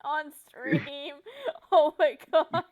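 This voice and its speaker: A woman's voice: sits high, drawn-out words, narrow, tinny audio. A woman streamer chatting casually and teasing her friend, with playful dramatic outbursts. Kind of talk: casual chat.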